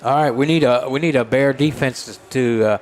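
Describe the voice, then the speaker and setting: A man giving relaxed color commentary at a high school football game. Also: brisk, slight background noise. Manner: conversational, relaxed banter.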